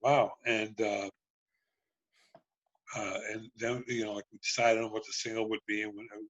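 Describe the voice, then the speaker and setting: A man's voice: lowish voice, normal speed. An older man, a guest on a talk show, telling stories from his music industry days, swearing freely and acting out what others said in raised voices. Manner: animated storyteller who swears and acts out quotes in a raised voice. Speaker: talk show guest, former band promotions manager. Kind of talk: casual storytelling chat. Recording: dull lo-fi dry sound.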